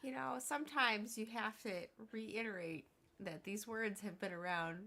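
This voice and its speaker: Slow-talking bright-voiced woman. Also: mid-range voice, steady tone. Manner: slow, thoughtful reasoning with hedging fillers. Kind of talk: casual chat.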